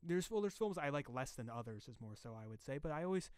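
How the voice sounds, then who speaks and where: A young man hosting a laid-back interview, choosing his words politely and earnestly. His voice is smooth and resonant, recorded close and dry. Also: fairly high pitch, sing-song, fast talker, a little mellow, no room sound. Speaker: podcast host. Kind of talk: casual interview.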